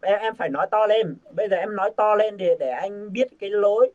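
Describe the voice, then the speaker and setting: A man's voice: sits high, fairly quick, a little mellow. A man teaching English pronunciation to a group, coaxing and repeating sounds over and over. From Vietnam. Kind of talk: casual group lesson. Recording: dull lo-fi sound.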